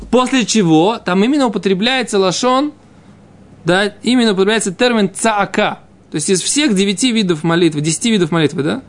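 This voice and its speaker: A man teaching an informal religious text class, reading and explaining in fragments with frequent checking questions. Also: high voice.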